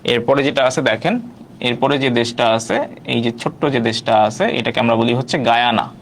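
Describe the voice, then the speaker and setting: A man's voice: medium pitch, fairly even intonation, normal speed, slight background noise. A man teaching an online quiz class, repeating each question and prompting viewers to answer.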